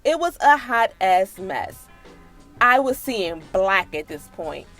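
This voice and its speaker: An American storytelling vlogger shares a personal story and gives advice, speaking straight to her listeners in a casual, slangy, emphatic, sisterly way. Her medium-pitched voice is sing-song, slow, and fairly bright, with faint music in the background.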